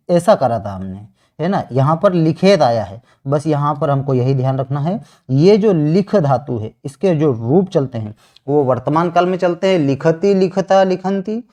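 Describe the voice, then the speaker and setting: A man teaching Sanskrit grammar online, slowly repeating each answer after asking it back. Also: a little high, dark tone. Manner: slow, repeats answers with rhetorical questions. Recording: dull lo-fi sound.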